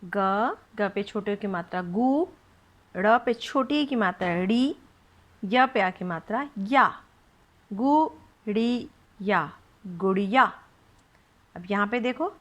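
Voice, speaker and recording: A woman's voice: fairly high pitch, muffled recording. A woman teaching young children to read, spelling words out syllable by syllable with patient questions. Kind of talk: children's phonics lesson.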